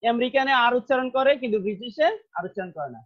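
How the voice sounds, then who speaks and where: A man with a very high voice and a Bangladeshi accent teaches English pronunciation in a classroom, speaking slowly and saying each word many times to drill the sounds. The recording is a little dull and muffled.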